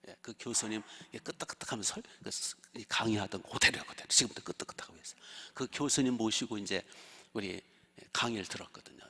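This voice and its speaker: A man's voice: mid-range voice, vocal fry, sharp tone, slightly rough, in a large hall. A man in his sixties, a pastor telling stories in a sermon and asking the congregation rhetorical questions. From Chungcheong region, South Korea. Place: church sanctuary.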